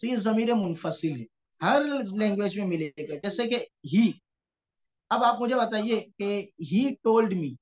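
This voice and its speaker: Over a video call, heard through a computer mic with dull lo-fi quality, a man teaches Quranic Arabic grammar online. His voice sits high, expressive and slow, and he explains patiently while often checking that students are following.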